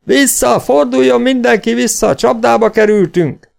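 A man voicing a loud, quarrelsome outlaw in an audiobook, shouting high and hard. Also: little pitch movement, clean tone.

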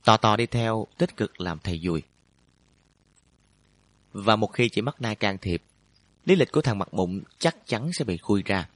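A man narrating a storybook in a steady, even way. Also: lowish voice, measured pace, pauses often, no room sound. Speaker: audiobook narrator.

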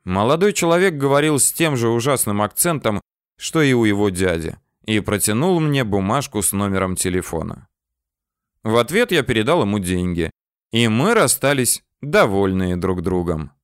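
A man reading a first-person novel aloud as an audiobook narrator, steady and even. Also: lowish voice, normal speed, clean tone, no echo, studio quality.

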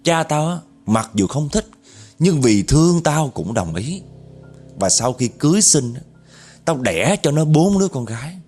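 Man voicing a raspy vengeful female ghost. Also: sing-song, normal speed, soft background music, heavily acted. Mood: grieving, accusing. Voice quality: deep and raspy. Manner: bitter, accusing, growling through clenched teeth. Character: vengeful wronged female ghost possessing a neighbor.

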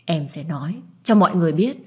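A woman's voice: low-pitched, lively intonation, breathy edge. A woman voicing a nosy, blunt young woman who pesters and scolds in an audiobook. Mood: pushy. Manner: pushy, quick to scold. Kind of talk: audiobook dialogue.

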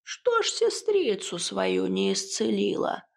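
A woman voicing a stern, dying old witch with a hoarse, mumbling voice, speaking slowly and heavily. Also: medium pitch, sing-song, full character voice. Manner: slow, heavy and commanding.

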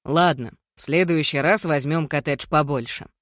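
A breezy young man, as an audiobook reader puts him on, teasing and a little impatient. He talks casually and pushes back quickly. Close, dry sound. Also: a little high, fairly bright tone, no room sound, close to an everyday voice.

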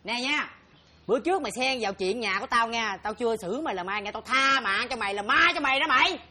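A woman's voice: lively intonation, quick pace. A woman playing a harsh middle-aged stepmother who scolds and threatens in a comic sketch. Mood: threatening. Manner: shrill scolding, shouting threats.

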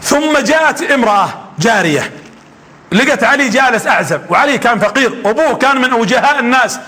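A man's voice: very high voice, animated, fast talker, sharp tone. A man preaching a sermon, telling stories with animation and quizzing his audience.

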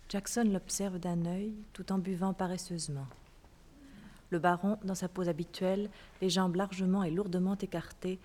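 A woman calmly reading the stage directions of a radio play. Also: fairly low pitch. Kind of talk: scripted narration.

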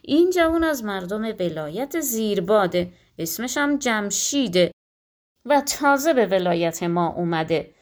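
A woman's voice: medium pitch, very animated, lightly acted. Woman reading a polite servant guy reporting, plain storybook voice. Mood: respectful. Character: deferential male palace servant.

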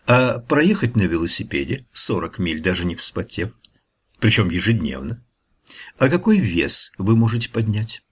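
A vain old film star with a youthful body taunts and needles in a low, husky voice that swings widely in pitch, as a man reads him aloud. Faint music sits beneath the storybook reading. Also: sing-song, normal speed. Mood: taunting. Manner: mocking, taunting.

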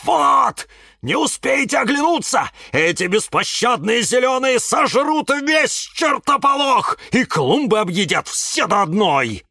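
A man's voice: very high voice, big pitch swings, measured pace, vocal fry, sharp tone, no room sound, clean studio sound, pitched above the performer's own voice, exaggerated voice. A man reading a children's audiobook voices a hysterical male houseplant cactus who shrieks and wails in alarm. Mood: panicked yelling.

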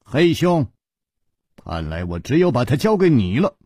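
A man's voice: mid-range voice, sing-song, a little slow, warm tone, no room sound, studio quality. A man doing a wry, composed swordsman hero. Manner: wry, composed, half-smiling. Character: calm, wry young male swordsman hero.

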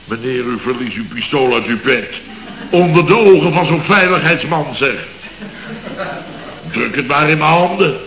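Playing the exasperated, blustering head of a building firm in a 1960s radio comedy, this actor rants with sarcasm and mocks his staff by imitating them. His voice sits on the high side, a bit bright, with lively intonation at a moderate pace. The audio is an old, dull, roomy radio recording carrying faint noise.

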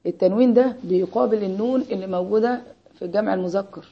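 A woman's voice: medium pitch, quick pace, breathy edge, highs cut off. An Egyptian woman teaching an Arabic grammar lesson, constantly quizzing her students with repeated "what?" prompts. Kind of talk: Arabic grammar lesson with call-and-response questions.

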